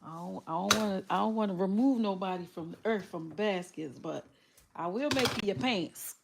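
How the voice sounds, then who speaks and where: A woman's voice: mid-range voice, normal speed, gravelly. Middle-aged woman, livestream host, casual chat, teasing, laughs a lot, faint background hiss. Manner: laughs often, teasing, addresses viewers directly.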